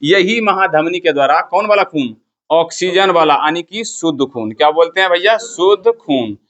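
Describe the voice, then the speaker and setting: A man's voice: fairly high pitch, moderate pace, a bit bright. A man teaching a class, firing questions at the students and repeating the key terms. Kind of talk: classroom lecture.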